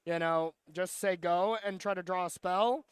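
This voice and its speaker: A man's voice: high-pitched, fairly even intonation, a little slow, clear, resonant tone, no echo. A man giving live play-by-play commentary on a card game, analytical with dry sarcasm.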